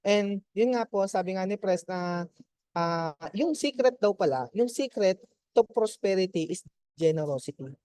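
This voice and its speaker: A man gives his team a motivational testimony, switching between languages as he goes, and keeps checking in with "di ba?" and laughter. His voice sits high and is mellow, warm, smooth, and expressive, with an unhurried, chatty flow. The sound is close and dry, without echo.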